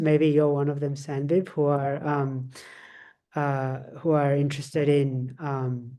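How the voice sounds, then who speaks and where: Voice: mid-range voice, mellow. A podcast co-host chatting casually about cars, rambling with many fillers and restarts.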